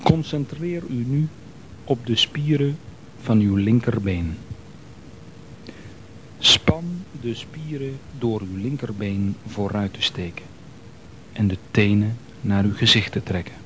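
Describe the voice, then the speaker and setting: Man, relaxation guide, slow soothing instructions, lowish voice, faint rumble. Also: a bit bright, rough recording. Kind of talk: guided progressive muscle relaxation.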